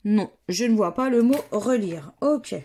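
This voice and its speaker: A woman's voice: mid-range voice, lively intonation, dark tone. A woman with a French accent casually commenting as she scratches lottery tickets, reading letters out one by one in a murmur. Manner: slow, murmured, reads letters aloud one by one. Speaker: scratch-card vlogger.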